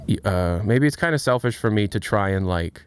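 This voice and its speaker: Low-voiced man in his late twenties. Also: expressive, slight background noise. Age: 20s. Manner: candid, reflective, halting with many restarts. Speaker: streamer. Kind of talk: casual livestream chat, answering chat.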